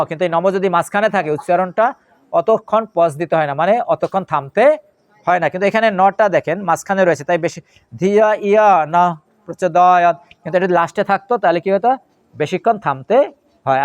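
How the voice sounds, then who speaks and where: A religious lecturer with a high-pitched male voice gives a devotional scripture lecture. He chants mantras slowly, explains how to pronounce them, and puts questions to his listeners.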